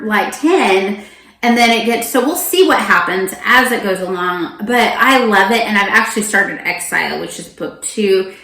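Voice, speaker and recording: A middle-aged woman who vlogs about books chats casually and animatedly to camera, often cutting herself off with informal asides. Her medium-pitched voice is pushed and bright, and the audio is poor and reverberant.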